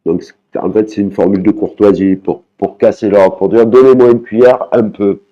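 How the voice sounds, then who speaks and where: A man's voice: fairly low pitch, steady tone, normal speed, dark tone, dull audio. A man teaching a language lesson, patiently repeating words and singing out their tones.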